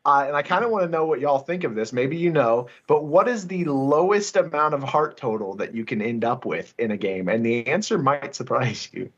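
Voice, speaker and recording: A man co-hosting a podcast, explaining game trivia in a halting way, with many fillers. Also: medium pitch, animated, a bit bright, dull audio. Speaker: podcast co-host. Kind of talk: casual chat.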